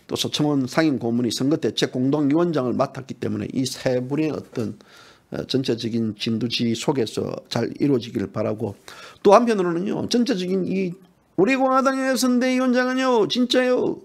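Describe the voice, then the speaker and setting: A man giving impassioned political talk as a party politician. He talks emphatically, repeats himself and rises into high pleading tones. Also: gravelly, darkish tone.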